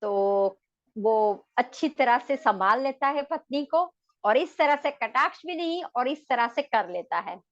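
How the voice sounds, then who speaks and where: A woman, a naturopathy and yoga doctor, tells a devotional story in a lively way and mixes English words into her speech. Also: high voice, a little slow, lo-fi sound.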